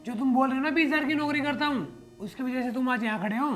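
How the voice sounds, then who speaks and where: A man playing a husband on a modest salary who speaks in a quick, reasoning, defensive way. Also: very high voice, fairly bright tone.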